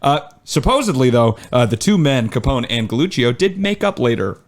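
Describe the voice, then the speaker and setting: A man's voice: mid-range voice, sing-song, moderate pace. A man co-hosting a history podcast, reading his research and breaking off into joking asides. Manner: chatty, with frequent "uh" and joking asides. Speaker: podcast co-host.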